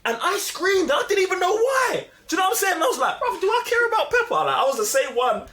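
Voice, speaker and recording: His voice is very high, sing-song, pushed and bright, and he talks quickly. The young London podcaster reviews films in thick slang, pressing his opinions hard and repeating lines for emphasis.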